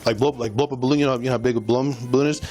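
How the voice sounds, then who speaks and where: Middle-aged cop barking breath-test commands. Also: male voice, medium pitch, fairly even intonation, racing. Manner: repetitive coaching commands. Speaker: police officer. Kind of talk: bodycam field recording. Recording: bodycam audio under loud music.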